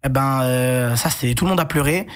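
A young man telling a long personal story in a casual chat as a guest, rushing through anecdotes with frequent restarts and asides. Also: medium pitch. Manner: rapid animated storytelling with many restarts and asides.

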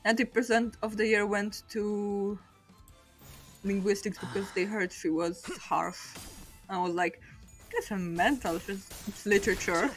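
Over faint music, a young Polish woman chats casually in accented second-language English while streaming a game. Her medium-pitched voice is steady and a little slow, and she rambles, pokes fun at herself, and laughs often between thoughts.

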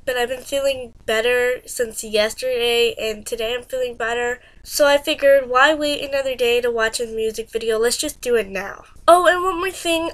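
A woman's voice: sits high, a bit bright. A teenage girl with a stuffed-up nose from a cold, chatting casually and rambling as a fan in a reaction vlog. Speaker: vlogger reacting to a music video. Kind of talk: casual chat.

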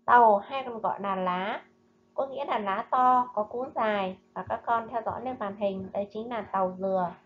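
A woman primary school teacher giving a recorded reading lesson to young children, speaking slowly and enunciating each word with care. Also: medium pitch, highs cut off, slight background noise. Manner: slow, careful, clearly enunciated reading and drills. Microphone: voice-over narration over slides.

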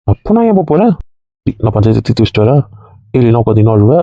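A man's voice: fairly low pitch, big pitch swings, very fast, mellow, dry recording, highs cut off. A man in a casual comedy skit, teasing and mock-threatening the others in a bossy way.

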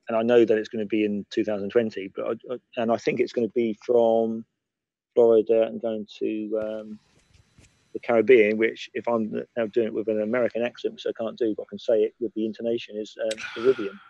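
A man's voice: on the low side, flat delivery, a little fast, gravelly, warm tone, no echo, lo-fi sound. A man chatting casually as a guest, teasing and joking, often repeating words as he starts. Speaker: convention organiser guest. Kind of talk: casual chat on a call.

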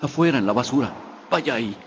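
A man's voice: mid-range voice, animated, fast talker, a little hiss or hum, natural voice. An actor dubbing a man who leaves an urgent, pleading voicemail asking for help in an action film. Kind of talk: Spanish-dubbed action film.

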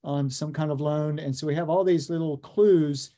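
Mellow American man giving a lecture. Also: on the high side, steady tone, moderate pace. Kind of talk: slide lecture with casual, conversational phrasing. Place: indoor room, video call.

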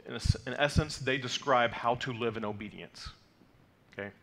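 His voice is creaky and fairly bright, medium in pitch and at a normal speed, with slight background noise. He's in his thirties, not a native Hebrew speaker, and teaches a congregation the weekly Torah portion from a lectern in a mid-size sanctuary, patiently explaining terms with frequent fillers and "okay?"

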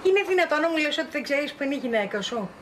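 A woman's voice: sits high, expressive, a bit bright, a little hiss or hum. A woman acting a mother in a TV drama, soothing and affectionate. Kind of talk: acted TV drama dialogue.

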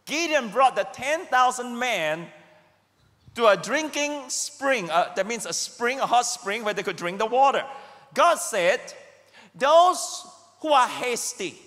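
A man with a very high voice preaches a sermon in a slow, deliberate way. He stresses his points and draws the congregation into answering him. His voice rings with the long reverb of a large church hall. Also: lively intonation, a bit bright. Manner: emphatic, calls on the congregation to respond. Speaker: pastor.

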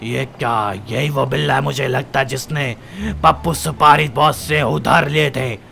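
Slurry tipsy goon, guy playing him, gravelly voice. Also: medium pitch, steady tone, moderate pace, pushed and bright, slight background noise. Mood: sneaking. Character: drunk male gangster thug, sulky and vengeful.

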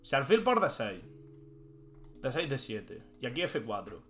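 A man, a chess streamer thinking aloud and commenting live as he plays, excitable and prone to shouting outbursts. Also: mid-range voice, measured pace, faint music behind. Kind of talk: live commentary while playing online chess.

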